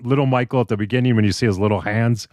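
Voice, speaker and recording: A man's voice: mid-range voice, rapid-fire, a little mellow, no echo, clean studio sound. A man co-hosting a podcast in casual chat, rambling and often losing his train of thought. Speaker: podcast co-host.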